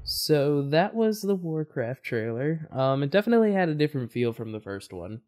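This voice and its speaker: A man's voice: on the high side, sing-song, normal speed, a little mellow. A man hosting a reaction video, talking casually and rambling with fillers and self-corrections.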